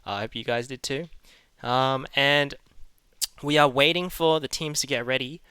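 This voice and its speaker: A young man works as an esports caster, introducing a match in a casual hype style. His voice is bright and forward, very clean and crisp, with a dry, close sound. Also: mid-range voice, fairly even intonation, normal speed, no room sound.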